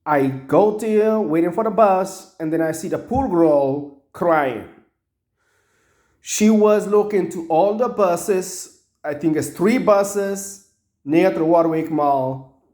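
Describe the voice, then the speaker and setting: A man telling a personal story aloud in halting English with non-native grammar. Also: sits high, a little mellow, echoey room.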